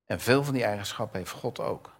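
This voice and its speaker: Husky older man preaching a sermon. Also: on the low side, fairly quick. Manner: conversational, asks the audience questions; reads scripture with raised voice.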